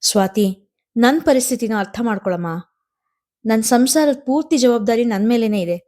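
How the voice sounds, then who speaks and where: A woman's voice: fairly high pitch, normal speed, dark tone, close to an everyday voice. A woman voicing a young man in love who talks in an affectionate, coaxing way while feeling torn by his duties. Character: young man, tender lover under family burden.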